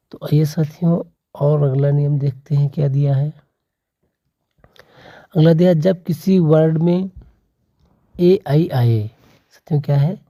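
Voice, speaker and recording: A teacher giving a slow spoken pronunciation lesson, reading out word lists one word at a time and addressing viewers as companions. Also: medium pitch, dark tone, dry recording, muffled recording.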